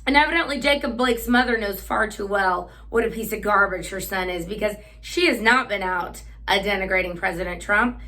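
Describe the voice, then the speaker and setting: Talking a little fast with few pauses, the host delivers a political monologue in a sharp-toned, mid-range voice. She's sarcastic and combative, and her speech is full of fillers and restarts.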